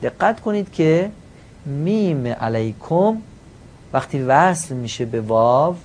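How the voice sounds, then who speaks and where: A man teaching pronunciation, chanting each example slowly and giving short, quiet prompts to repeat. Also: medium pitch, animated, slight background noise. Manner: slow drawn-out chanting of the examples. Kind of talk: pronunciation lesson.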